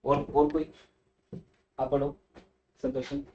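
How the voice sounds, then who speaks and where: A man's voice: a little high, sing-song, takes it slowly, vocal fry, warm tone, muffled recording, a little hiss or hum. A male commerce teacher giving a classroom economics lecture, coaching and scolding students on how to read theory aloud.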